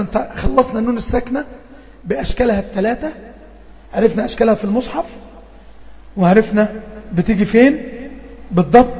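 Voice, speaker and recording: A man's voice: very high-pitched, darkish tone. A man with an Egyptian accent teaching Quran recitation rules, patiently repeating points and quizzing his students. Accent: Egyptian Arabic. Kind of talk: online tajweed lesson. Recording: dull lo-fi audio with reverb.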